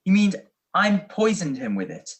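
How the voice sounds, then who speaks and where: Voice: mid-range voice, big pitch swings, moderate pace, lightly acted. A performer playing Nick Charles's part as a wry, unflappable male detective, teasing and sarcastic, in an old-style radio mystery. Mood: mock puzzled. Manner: dry, teasing, sarcastic wit. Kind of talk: 1940s detective radio play acting. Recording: video call recording.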